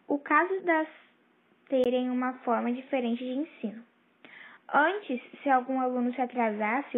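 A woman answers a school question in a casual read, with small restarts. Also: sits high. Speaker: student guest answering a question. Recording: tinny phone-quality audio.

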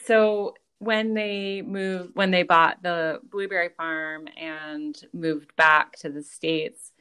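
A woman with a very low, smooth voice hosts a relaxed interview. She asks thoughtful follow-up questions, pausing to find her words. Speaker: podcast host.

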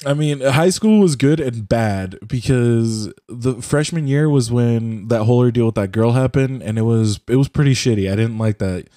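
On a voice call through a headset or desk mic, a young Puerto Rican podcast host whose first language is Spanish rambles casually and swears, peppering his talk with "bro" and "like." He has a mid-range, mellow voice and speaks at a moderate pace with few pauses, captured at studio quality with no echo.

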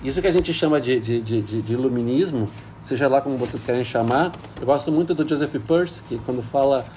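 A man's voice: mid-range voice, a little fast, darkish tone, faint music behind. A man, a priest speaking in a thoughtful, hesitant way with many fillers. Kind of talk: casual reflective talk.

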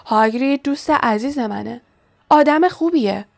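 A woman's voice: high-pitched, vocal fry, darkish tone. A woman voicing an ancient, blind giant male spider in an audiobook, speaking in furious outbursts. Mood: angry. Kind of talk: audiobook reading.

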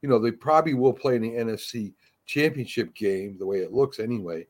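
A man hosts a sports chat, talking in a halting, conversational way and steering the talk. He stops and restarts often, then hands the floor to his co-hosts. His voice is at a medium pitch for a man. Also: a little mellow.

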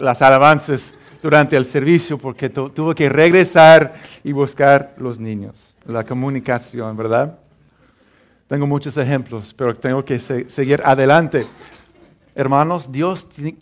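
Halting Spanish-speaking pastor man preaching. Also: a little high. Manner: halting, many restarts, chuckles at his own story. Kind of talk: sermon.

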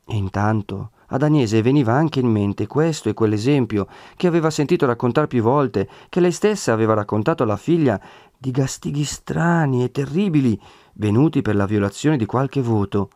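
A man with an Italian accent reading a classic novel aloud in steady, measured narration. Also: medium pitch, no echo, clean studio sound. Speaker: audiobook narrator. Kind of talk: scripted narration.

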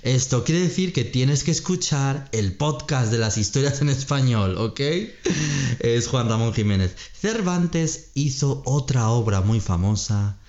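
Slow, patient Spanish quiz host, man. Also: medium pitch, lively intonation, darkish tone, highs cut off. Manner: reads options slowly, explains grammar patiently, laughs often. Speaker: podcast co-host running a quiz. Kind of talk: slow, clear Spanish-lesson quiz chat.

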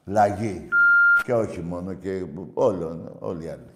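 A man's voice: deep voice, echoey room. A man hosting a casual phone-in show, talking in a brash, profane way. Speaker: call-in show host.

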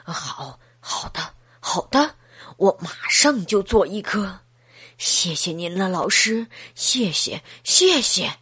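A woman's voice: mid-range voice, big pitch swings, takes it slowly, pushed and bright, breathy edge, dry recording, pitched below the performer's own voice, exaggerated voice. A woman voicing a nervous father on the phone in a storybook, flustered and deferential.

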